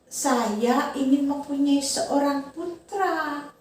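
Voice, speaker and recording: A woman's voice: high voice, extremely slow, slight background noise. A woman acting a sad pleading mother-to-be. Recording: echoey room, far from mic.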